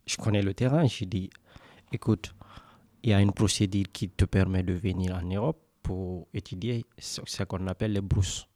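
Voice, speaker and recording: Low-voiced man telling a personal story. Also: steady tone, normal speed, warm tone, dry recording. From West Africa. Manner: casual, conversational, acts out dialogue.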